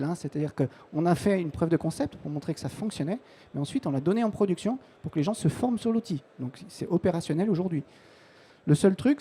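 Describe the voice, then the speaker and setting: A technical support manager gives a live conference presentation on a trade-show floor, speaking informally with plenty of restarts and fillers. He has a high, warm voice.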